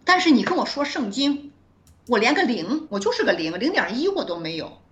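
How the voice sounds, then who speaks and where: A woman recounting a story at a brisk clip, her pitch leaping up and down as she acts out both sides of a conversation. She laughs often and stumbles through quick restarts. The audio is dull and lo-fi. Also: sing-song. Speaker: doctor, interview guest.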